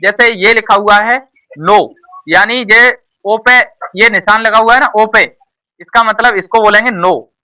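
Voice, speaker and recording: A male tuition teacher walks a class through an exam paper, repeating each point and tossing questions back at the pupils. His voice is bright and forward. It is caught from a distance in the classroom, so it sounds a little far from the mic. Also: high-pitched, steady tone, measured pace. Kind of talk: classroom exam-prep lesson.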